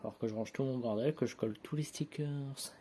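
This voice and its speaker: Man, casual unboxing vlog, warm mellow tone, rambling, counting duplicates aloud, phone mic indoors. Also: medium pitch, normal speed, slight background noise. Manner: rambling, sorting cards aloud, self-mocking asides. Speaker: vlogger opening sticker packs. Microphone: handheld phone camera, no tripod.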